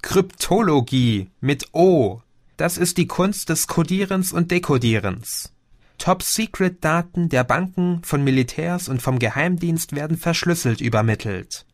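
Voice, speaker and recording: A chatty, cheeky young woman, read by a male audiobook narrator who lifts his voice for her. She talks brightly and tosses in questioning tags at the ends of her lines. The recording is dry and close. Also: a little high, a little slow, no room sound, pitched above the performer's own voice. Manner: lively, often ends with a questioning "oder?".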